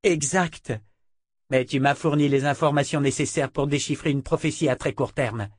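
A man reading an audiobook, voicing an excitable young male scholar who talks in eager bursts. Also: medium pitch, normal speed, dry recording, clean studio sound, natural voice. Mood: elated. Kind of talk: audiobook character voice.

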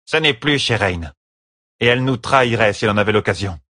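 A woman's voice: extremely low pitch, expressive, brisk, a bit bright, no echo, clean studio sound, voice pushed up, full character voice. A man voicing a hard, blunt woman channeler who speaks in a curt, cutting way, as an audiobook character. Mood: cold.

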